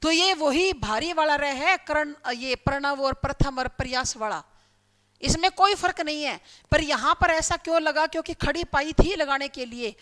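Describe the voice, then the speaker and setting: A woman's voice: high-pitched, moderate pace, bright, forceful tone. A woman teacher giving a classroom lecture, explaining step by step and answering her own questions.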